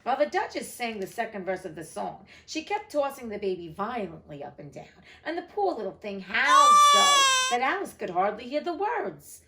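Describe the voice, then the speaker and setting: Woman reading a classic out loud, super animated, kinda high, cheeky asides. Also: normal speed, hardly any pauses, background noise. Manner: theatrical, irreverent. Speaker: host reading a classic novel aloud. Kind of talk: expressive storybook narration with casual asides.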